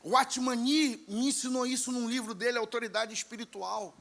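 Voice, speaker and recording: Brazilian pastor guy preaching hard, really high voice, sharp and bright, yells out to the church folks. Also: steady tone, moderate pace, creaky. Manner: fervent preaching, swinging from quiet talk to shouted exclamations; calls out to the congregation with "irmãos" and "glória". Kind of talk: sermon.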